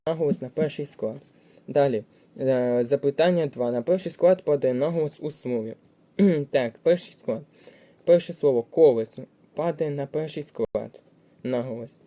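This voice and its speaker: Guy walking thru test answers, super dark mellow voice, lots of "uh" pauses, steady teacher tone. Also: medium pitch. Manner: plain, methodical, with frequent hesitations. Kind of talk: test walkthrough lesson.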